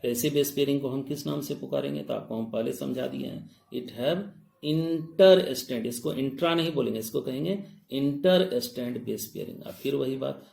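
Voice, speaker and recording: A man's voice: mid-range voice, a little fast, creaky, a little mellow, roomy sound. A man giving an exam-prep biology lecture. He mixes Hindi with English technical terms and keeps asking his students questions, calling them "babu". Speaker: biology teacher.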